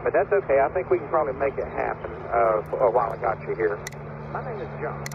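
A man from central North Carolina, a ham radio operator answering a call in a courteous, measured on-air exchange, heard through a shortwave radio receiver whose signal fades in and out. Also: mid-range voice, animated, vocal fry. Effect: heard through a shortwave radio receiver, signal fading in and out. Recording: tinny, noisy shortwave radio.

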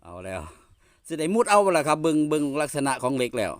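A vlogger from northeastern Thailand with an Isan accent hosts a casual outdoor vlog in rural fields, chatting to his viewers, addressing them often, and peppering his talk with tag particles. His voice is a little high, very animated, and quick, with a clean, studio-quality tone and no room sound.

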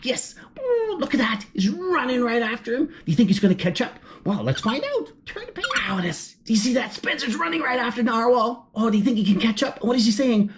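A high, slightly bright female voice, carrying a little hiss or hum, brings a picture book to life for children. She gasps in astonishment and asks the listener questions while flipping pages.

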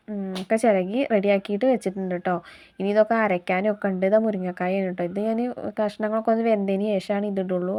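A woman's voice: medium pitch, a little mellow. A woman vlogger with a slight head cold, chatting in a homely way and explaining each step as she narrates her morning cooking routine. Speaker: vlogger and homemaker. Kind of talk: casual day-in-my-life narration while cooking.

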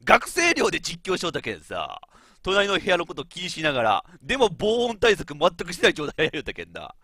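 A man's voice: fairly high pitch, brisk, dry recording. A man with a giving chatty, laughing let's-play commentary as a game streamer. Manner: animated, chatty, laughs often, talks to himself.

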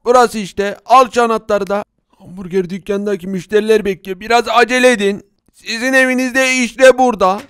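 A young man narrates a game role-play in a high, clear voice, teasing like a pushy salesman. The close mic sounds dry, with no room echo. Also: steady tone, brisk, a bit bright. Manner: hawkish salesman patter, teasing. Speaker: game video host.

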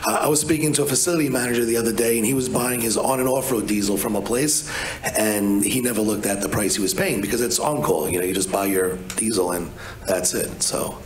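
Speaking briskly in a fairly low voice, a male energy advisor addresses a conference panel in a large hotel conference room. His talk is blunt and conversational, full of false starts and "you know." The low-quality recording is reverberant, with a bit of hiss or hum.

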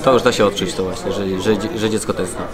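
A man in his thirties, a footballer, answering interview questions in a hotel room, pausing often with fillers. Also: on the low side, steady tone, over a noisy crowd. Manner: hesitant, many pauses and fillers. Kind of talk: casual interview.

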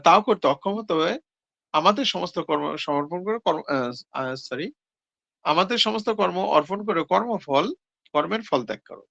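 Male seminar speaker, bright gravelly voice, self-answered questions, dull lo-fi sound. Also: high-pitched, dry recording. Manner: explains with rhetorical questions and answers; hesitant, with fillers and self-corrections. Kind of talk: devotional scripture talk.

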